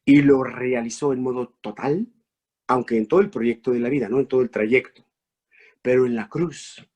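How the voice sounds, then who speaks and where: A man from Mexico, a priest, preaching a reflection with emphatic rhetorical questions and sweeping rises in pitch. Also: normal speed, a little mellow, breathy edge, muffled recording. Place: online talk.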